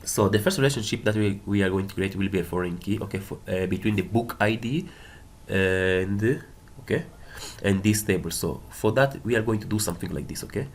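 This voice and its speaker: A native Portuguese speaker with a Portuguese accent gives a casual, step-by-step coding tutorial, often repeating words and checking in with short tags. His lowish voice is fairly quick, and keyboard typing and clicks are clearly audible in the background.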